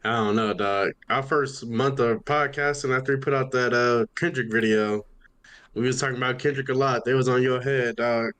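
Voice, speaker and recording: A man's voice: medium pitch, fairly even intonation, moderate pace, a bit bright, clear, resonant tone. A man co-hosting a casual podcast, talking blunt and slangy, calling people "dog.". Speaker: podcast co-host.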